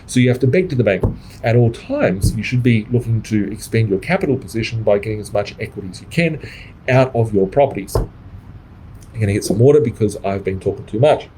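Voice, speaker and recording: A man's voice: lowish voice, expressive, fairly quick, warm tone, slight background noise, poor audio. A middle-aged Australian man who coaches property investors, talking bluntly and swearing in a livestream monologue, often tagging "right?" on his points. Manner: blunt, swears freely, keeps adding "right?".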